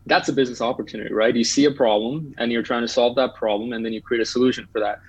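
A man's voice: medium pitch, steady tone, very fast, darkish tone, breathy edge, highs cut off. A man, talking eagerly as a podcast guest, with lots of um and uh. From Bangladesh. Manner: upbeat, talkative, with frequent um and uh. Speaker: guest entrepreneur. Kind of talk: casual podcast chat.

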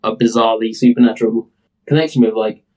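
A man's voice: on the low side, fairly even intonation, fast, a little mellow, rough recording. A British man co-hosting a casual sports podcast, rambling and hesitant with many fillers. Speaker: podcast co-host.

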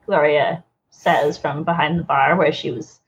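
A woman narrating as game master of a tabletop game, playful and quick to laugh. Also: low voice, fairly even intonation, lo-fi sound, slight background noise.

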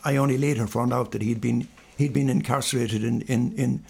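Older male, west of Ireland accent, raspy and crackly, rambling conversational storyteller. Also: mid-range voice, steady tone, fairly quick, darkish tone. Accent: Galway, west of Ireland. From Galway, west of Ireland. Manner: rambling anecdotes with reported dialogue. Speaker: singer and musician being interviewed.

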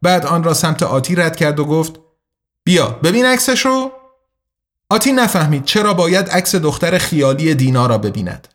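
A man narrating a story in an even, measured way. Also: a little high. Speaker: audiobook narrator. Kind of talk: scripted narration.

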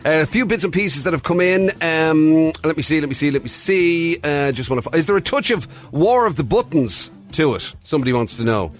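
A man with an Irish accent and a slightly high voice hosts casual radio chat. He is conversational and lightly teasing, with faint music around the talk. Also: expressive, a little fast, hardly any pauses. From Ireland. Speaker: radio host.

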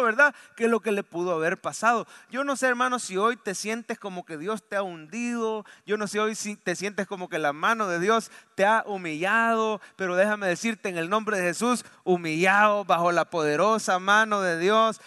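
A man with a Salvadoran Spanish accent preaching a sermon in church, telling a story softly, then rising to loud, fervent exhortation. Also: high voice. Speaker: pastor. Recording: long hall reverb.

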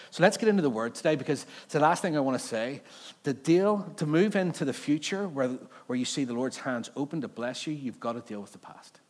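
A man with a Northern Irish accent from Belfast gives an informal sermon, talking conversationally to his congregation with rhetorical questions and frequent check-ins. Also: medium pitch. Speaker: preacher.

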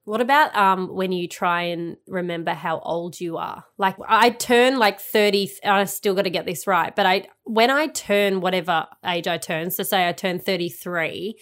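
A woman's voice: lowish voice, moderate pace, few pauses, fairly bright tone. Chatty mum in her thirties. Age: 30s. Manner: chatty, laughs often, rambling anecdotes. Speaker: podcast co-host. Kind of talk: casual chat.

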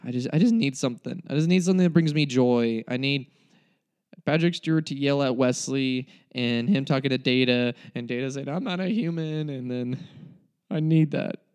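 A man's voice: mid-range voice, normal speed, a little mellow, clean tone. A young man giving a casual spoken movie review, rambling and cutting himself off, with mock-dramatic despair.

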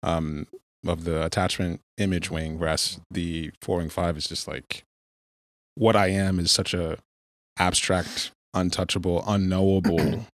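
Low-voiced wry male co-host. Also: little pitch movement, measured pace, dry recording. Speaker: podcast co-host. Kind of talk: casual group discussion.

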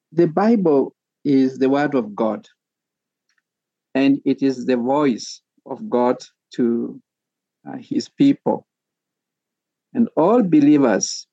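A middle-aged Kenyan man, a pastor and theology professor, appears as a podcast guest, speaking in a measured, methodical way with frequent pauses. His mid-range voice is creaky and dark, and the audio is dull with no echo.

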